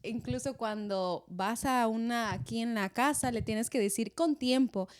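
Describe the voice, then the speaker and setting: Lively young woman, co-host chat. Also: fairly high pitch, measured pace, smooth. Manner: animated, mixes English phrases into Spanish. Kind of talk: casual chat.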